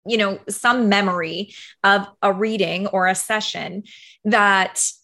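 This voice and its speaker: A woman's voice: mid-range voice, steady tone, takes it slowly, pushed and bright. A woman co-hosting a podcast, chatting casually and agreeing with her co-host. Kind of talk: casual chat.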